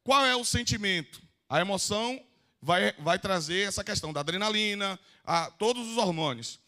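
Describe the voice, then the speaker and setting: A Brazilian psychoanalyst with a Bahian accent lectures a live audience in a council chamber. His voice sits high and rings bright. He keeps it playful, teasing the people in the room and calling up volunteers. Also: expressive, normal speed. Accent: Bahian Brazilian Portuguese.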